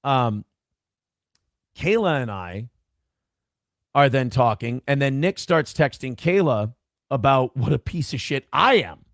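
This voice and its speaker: A man's voice: fairly high pitch, creaky, a bit bright, dry recording, clean studio sound. A man telling a long personal story on a live call-in show, casual, profane and rambling. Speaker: guest telling his story.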